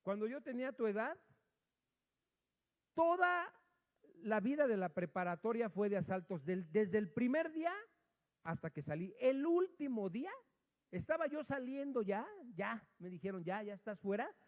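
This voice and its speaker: A man preaching a sermon, telling a personal story and acting out the dialogue, dropping quiet and then rising loud. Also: high-pitched, very animated, moderate pace. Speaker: pastor. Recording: long hall reverb.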